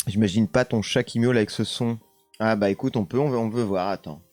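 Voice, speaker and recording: Low-voiced French streamer, hesitant. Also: male voice, a little fast, a little mellow, no room sound, faint music behind. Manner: hesitant, many fillers, reads chat aloud and chuckles. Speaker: streamer hosting a paranormal live show. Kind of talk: casual live-stream chat.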